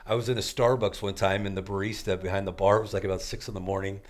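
A man with a somewhat low voice, talking as an author and life coach in an interview. He delivers his points with energetic, preacher-like conviction and punchy repetition. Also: fast talker. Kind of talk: motivational interview talk.

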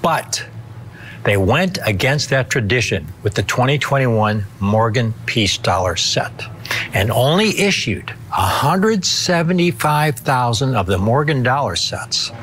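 A middle-aged American man giving a hard sell infomercial pitch with emphatic, deliberate, dramatic stress. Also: sing-song, a bit bright, a little hiss or hum. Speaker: TV coin pitchman.

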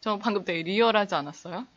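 A woman's voice: lively intonation, normal speed, highs cut off. A young woman teaching English on a casual live stream, reading viewer chat and playfully acting out skits with laughter. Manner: playful, laughing, acts out little skits in exaggerated high voices.

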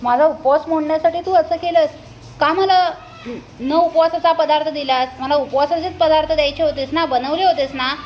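A woman voicing an upset elderly grandmother who scolds the young wife over a broken fast. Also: high voice, a little mellow, slight background noise, pitched above the performer's own voice, natural voice, rough recording. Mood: indignant.

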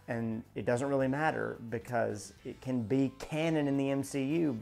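A man's voice: mid-range voice, vocal fry, darkish tone. A man in his thirties chatting through a show breakdown in a casual video, with many fillers and restarts, recorded indoors in a small studio. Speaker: show reviewer. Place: indoor home studio in front of a backdrop.

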